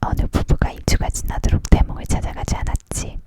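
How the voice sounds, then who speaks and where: A reader voicing a measured, courteous male store owner in a whispered role-play of a storybook, with old-fashioned formal phrasing. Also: warm tone, natural voice. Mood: recollecting.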